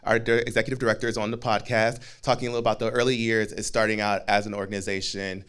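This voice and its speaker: Male community organizer, lowish resonant voice, informal and jokey meeting announcements. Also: level tone, fast talker, a bit bright, clean tone. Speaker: community organization speaker, podcast promoter.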